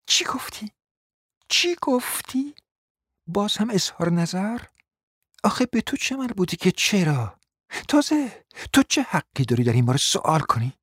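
A man's voice: very animated, husky, no echo, clean studio sound, exaggerated voice. A man voicing a domineering, scornful middle-aged woman who barks orders and insults at her husband in an audiobook reading. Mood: scolding. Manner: shrill scolding, sharp commands and insults.

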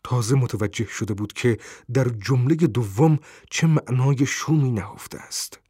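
A man narrating an audiobook in a measured, even storytelling way. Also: mid-range voice, slightly rough, no room sound, studio quality.

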